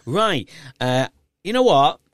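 A man's voice: on the high side, very animated, slow pace, no echo, studio quality. A man with a thick Yorkshire accent hosting a casual podcast in a chatty, encouraging, matey way. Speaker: podcast host and quizmaster.

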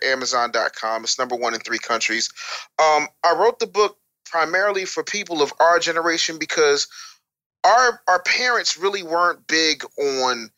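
A male author and radio producer, appearing as an interview guest, lays out his opinions bluntly and wryly, piling up emphatic lists and rhetorical questions. His voice is a little high, with a bright, forceful tone.

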